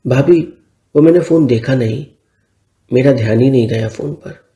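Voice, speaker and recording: A man's voice: mid-range voice, moderate pace, mellow, close to an everyday voice. A man voicing a playful, sly young man who teases and complains in a joking way. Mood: teasing. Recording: roomy echo.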